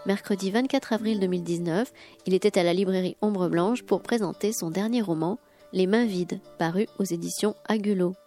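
A woman reads a scripted introduction in a mellow voice of medium pitch. Guitar music plays behind her. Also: normal speed. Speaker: narrator of the introduction. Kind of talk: scripted narration.

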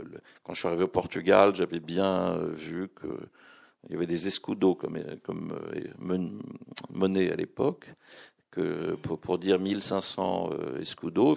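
French guy with a super gravelly low voice, rambling through a public talk, lots of euh and restarts. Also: darkish tone. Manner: discursive, full of hesitations and restarts. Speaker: publisher and translator, guest speaker. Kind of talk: public talk at a literary festival.

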